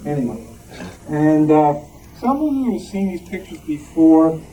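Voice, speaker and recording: In a club meeting room with an audience, a club member gives an informal show-and-tell about his collection, hesitating and often searching for words. His voice is fairly high, sing-song, a little slow and dark-toned, picked up by a distant, muffled room mic with background noise.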